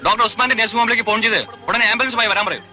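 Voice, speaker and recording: A take-charge official barks rapid instructions in a film drama. His voice is bright and sharp, the orders tumbling out quickly. Faint music sits beneath him. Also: very high voice, full character voice, low-quality recording. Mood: commanding. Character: brisk male official taking charge, giving orders.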